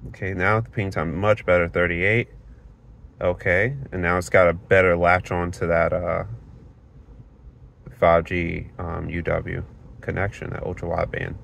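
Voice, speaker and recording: A deep, gravelly voice with a fairly bright tone speaks at a measured pace and in a flat delivery. It belongs to a man from Florida, United States, casually going over network speed tests from a parked car while filming on a handheld phone, plainly explaining and reading figures from the screen. There's a little hiss or hum.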